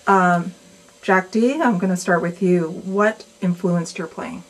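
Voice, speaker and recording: Enthusiastic woman interviewer, lower voice. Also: unhurried, rough recording. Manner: chatty, enthusiastic. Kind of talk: interview hosting. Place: lounge bar.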